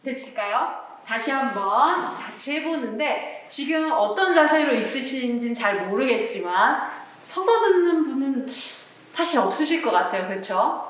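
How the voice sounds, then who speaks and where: A woman's voice: sits high, recorded from a distance. A woman teaching a flamenco rhythm class to viewers, talking in a friendly way and counting beats aloud while seated indoors. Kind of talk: online arts class lesson. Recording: very echoey room, voice off-mic.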